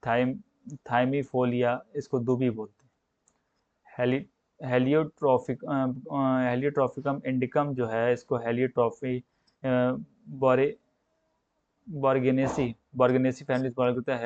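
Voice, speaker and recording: A man's voice: medium pitch, a little mellow, no room sound. A man teaching an agriculture exam lesson who stumbles and restarts on long scientific plant names, repeats the key terms and keeps checking in with his students. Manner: checks in with "theek hai na" after each point. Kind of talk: exam coaching lecture. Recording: dull, muffled lo-fi sound.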